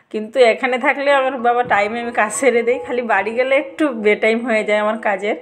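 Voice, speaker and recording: Chatty young woman over background music. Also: on the high side. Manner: talkative, says she talks a lot and loudly. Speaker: home cooking vlogger. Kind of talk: casual chatty cooking vlog.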